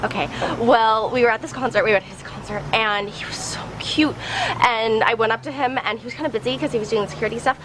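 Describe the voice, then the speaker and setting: A woman's voice: a little high, quick pace, noisy background. A woman in her twenties, talking like a giggly, gushing superfan in an interview. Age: 20s.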